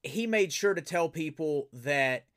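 A man, a professional wrestler, telling stories as a guest in a casual interview, animated and full of fillers and restarts. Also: fairly high pitch, measured pace.

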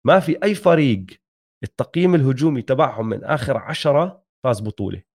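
A man's voice: mid-range voice, lively intonation, fast talker, a little mellow. A man with a Levantine Arabic accent giving casual basketball analysis, mixing English sports terms into his Arabic. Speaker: sports talk show co-host.

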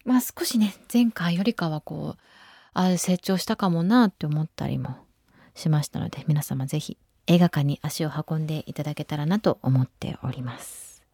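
A woman in her twenties hosting a radio show, chatting casually and relaxed, with frequent soft asides. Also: low-pitched, normal speed, no room sound, studio quality. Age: 20s. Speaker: radio host. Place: radio studio. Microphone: studio microphone.

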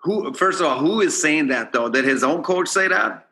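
A bright, forceful-toned man from Austria whose first language is German. He is a former hockey player talking casually as a podcast guest, thinking aloud and circling back on his words. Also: a little high, animated, moderate pace, vocal fry. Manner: loose, repeats and restarts words while thinking aloud. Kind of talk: casual chat.

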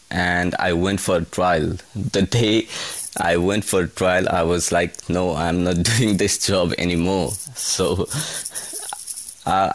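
A young man from Nepal, a kitchen hand answering interview questions in a halting way, often restarting his words. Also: deep voice, dry recording. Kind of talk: casual interview.

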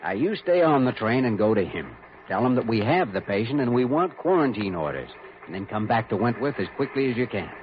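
A man's voice: medium pitch, big pitch swings, brisk, natural voice. An actor playing an earnest, resolute male doctor with a firm manner, in classic radio drama style. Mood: decisive. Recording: muffled, noisy vintage radio recording.

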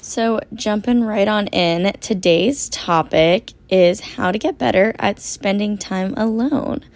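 A woman in her twenties hosts a casual solo podcast, her medium-pitched voice hoarse and raspy after a long shift. She talks slowly and chattily, rambling and saying "like" a lot.

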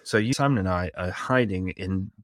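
Low-voiced man hosting casual sports banter. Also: moderate pace, dry recording, studio quality. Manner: teasing, sweary; speaks quietly at home late at night. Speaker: podcast host.

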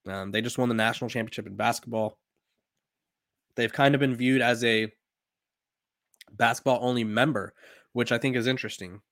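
This podcast host is a man in his twenties with a mid-range, fairly bright voice and fairly even intonation, speaking at a moderate pace with long pauses. The studio-quality recording has no echo. Talking sports casually, he rambles and restarts often, his speech heavy with "um"s and other fillers.

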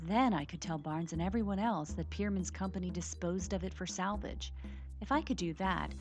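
A woman's voice: fairly low pitch, darkish tone, natural voice. An actress playing a level-headed woman detective who narrates her case in an audio drama.

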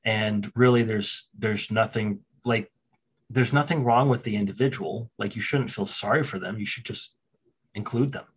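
A man's voice: lowish voice, normal speed. A man who works as a special education teacher, talking casually and animatedly, often restarting his words and joking. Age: adult. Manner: animated, self-interrupting, repeats words, jokes. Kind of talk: casual podcast conversation.

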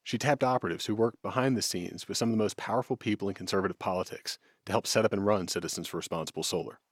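A man's voice: lowish voice, racing, husky, dry recording, studio quality. An American man reading scripted news narration as a radio reporter.

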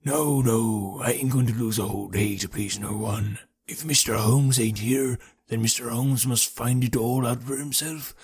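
Man putting on a wheezing old sailor, gravelly and stubborn. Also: medium pitch, steady tone, a little mellow. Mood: petulant. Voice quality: gravelly, breathy, slow. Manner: petulant, obstinate, halting. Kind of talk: audiobook character reading.

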